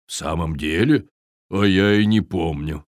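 A storyteller voicing a kind, good-natured Viking who speaks gently and reassuringly to his friends. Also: sits low, measured pace, no room sound, clean studio sound. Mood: puzzled. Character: kindly good-natured Viking, calm and warm.

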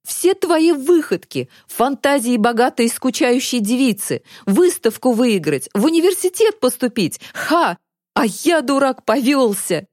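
A woman reading the part of a hot-headed teenage boy who shouts in raw anguish in a storybook narration. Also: sits high, big pitch swings, a little slow, no echo, clean studio sound, pitched above the performer's own voice. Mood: furious.

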